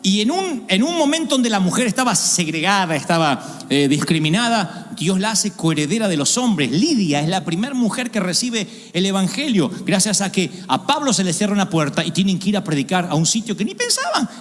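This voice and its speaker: An Argentine-accented man preaches with a high, animated voice that leaps up and down as he acts out scenes. His tone is ironic and theatrical. The sound carries a long reverb from a large auditorium. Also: fairly quick. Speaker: pastor. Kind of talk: sermon.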